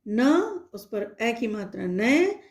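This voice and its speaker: A woman teacher giving a slow, patient recorded lesson to young children, spelling out letters and checking in often. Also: medium pitch, big pitch swings.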